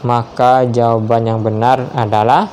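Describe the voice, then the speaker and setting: A man reads quiz questions one option at a time, his delivery slow and measured. His voice sits in a mid register, and each answer is confirmed with a short affirming word. A faint hiss runs under the recording. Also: medium pitch, flat delivery, a little mellow. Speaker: teacher reading quiz questions.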